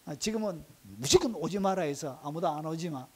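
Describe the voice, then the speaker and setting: High-voiced Korean pastor preaching. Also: male voice, lively intonation, a little fast, husky. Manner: preaching with rising emphatic bursts and rhetorical questions to the congregation. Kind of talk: sermon.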